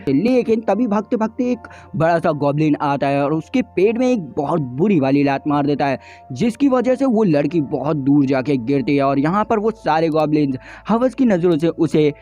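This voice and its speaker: A man's voice: a little high, darkish tone. A man casually recapping an anime episode for viewers, chatty and joking, with asides to the audience. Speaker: anime explainer YouTuber.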